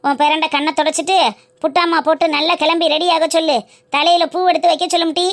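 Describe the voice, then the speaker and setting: A woman's voice: extremely high pitch, little pitch movement, fast talker. A woman voicing a bossy old village grandmother who scolds and gives orders in a cartoon. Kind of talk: cartoon voice acting.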